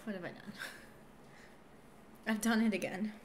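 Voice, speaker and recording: Talking fast over video game music and a noisy background, a woman streamer keeps up chatty live commentary while playing, poking fun at herself and sounding mildly exasperated. Her pitch is medium and her intonation fairly even.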